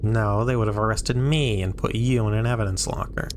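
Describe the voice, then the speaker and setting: A man's voice: fairly low pitch, steady tone, fairly quick, a little hiss or hum, natural voice. A man voicing a sardonic, guarded male investigator in a fandub, speaking drily. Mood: dry. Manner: dry, sardonic. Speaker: stream host reading the lead.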